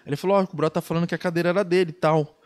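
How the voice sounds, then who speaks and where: Brazilian man, podcast guest, high voice, rapid-fire slangy storytelling. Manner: animated, slangy, acts out quoted dialogue. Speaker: guest, pro surfer.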